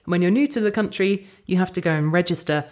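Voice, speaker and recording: Chatty woman cohost, low voice, jokes around and laughs easy. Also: quick pace, darkish tone. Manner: chatty, jokey, laughs often. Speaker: podcast co-host. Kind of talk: casual chat.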